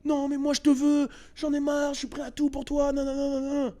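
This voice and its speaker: Man putting on a clingy young woman, obsessive, shrill, yelling, high pitched. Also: completely flat delivery, fairly quick. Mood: pleading. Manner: shrill, pleading then yelling insults.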